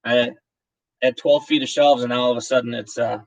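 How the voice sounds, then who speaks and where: A man's voice: medium pitch, fairly even intonation, brisk, creaky, low-quality recording. Chatty man hosting a casual livestream. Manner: chatty, rambling with many restarts. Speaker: livestream host. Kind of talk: casual chat.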